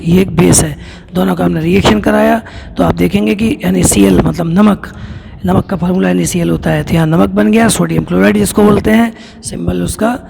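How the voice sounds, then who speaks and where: A man teaching a school science lesson, explaining step by step and reading lines slowly. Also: high voice. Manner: explains step by step, reads English lines slowly, then restates them. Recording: echoey room with clear noise.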